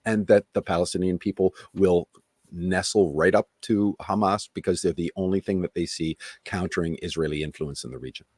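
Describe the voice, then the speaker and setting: A man's voice: low voice, steady tone, fairly quick, darkish tone, dry recording, studio quality. A middle-aged man speaking as a retired military officer guest in a podcast discussion, frank and chuckling as he makes his points.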